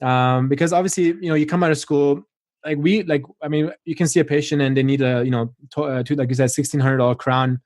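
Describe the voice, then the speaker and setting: A man's voice: a little high, fairly even intonation, fast, darkish tone, no echo, studio quality. A male podcast host who is himself a dentist, laughing easily and asking long questions full of "like"s. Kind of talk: podcast interview.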